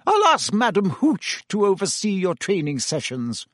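A man voicing a strict, grave older female professor with a measured, formal delivery. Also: high voice, huge pitch swings, a bit bright, dry recording, studio quality, voice pushed up, heavily acted. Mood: grave, stern.

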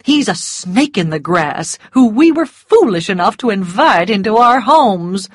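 A woman's voice: medium pitch, lively intonation, a little slow, husky, no room sound. A woman voicing a disdainful hostess who speaks contemptuously.

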